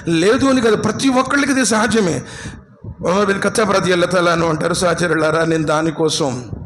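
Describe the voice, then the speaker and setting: Guy giving a sermon, really high pitched voice, fervent, keeps asking the crowd questions. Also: quick pace, fairly bright tone, slight background noise. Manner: impassioned, rhetorical questions to listeners; addresses listeners as brothers and sir. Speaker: Islamic preacher.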